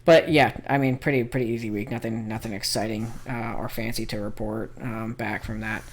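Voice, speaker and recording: A man's voice: on the low side, steady tone, fairly quick, slight background noise. A young adult man co-hosting a podcast, telling rambling stories in casual chat with lots of fillers. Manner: rambling storyteller with many fillers. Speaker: podcast co-host.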